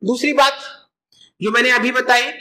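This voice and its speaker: A man's voice: extremely high pitch, steady tone, normal speed, bright, forceful tone, echoey room, a little hiss or hum, poor audio. A man teaching a math lesson, explaining step by step and asking and answering his own questions.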